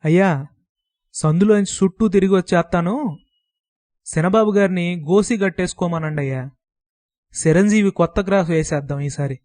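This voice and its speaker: Man doing a teasing village barber, sarcastic, mocking tone, slightly high, dry. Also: expressive, normal speed, a little mellow, dry recording.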